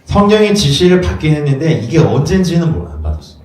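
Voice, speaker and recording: A man preaching a sermon as a pastor, lively and acting out little dialogues in playful voices. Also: fairly high pitch, quick pace. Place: church hall. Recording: echoey room from far off.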